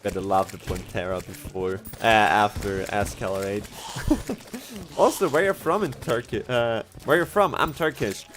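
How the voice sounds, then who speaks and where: A young German-speaking man from Switzerland livestreams a game, chatting casually at a measured pace in a lowish voice over a noisy background. He laughs often and keeps correcting himself.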